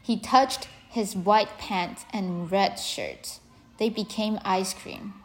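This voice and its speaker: A woman narrating a children's story in a slow, clear, deliberate reading voice. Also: medium pitch, a little hiss or hum.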